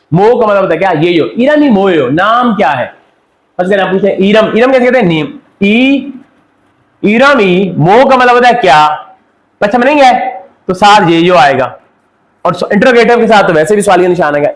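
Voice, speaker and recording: A man's voice: high-pitched, expressive, normal speed, echoey room, low-quality recording. A man from Pakistan teaching a Korean language class, drilling students by asking questions and answering them himself. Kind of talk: classroom lecture.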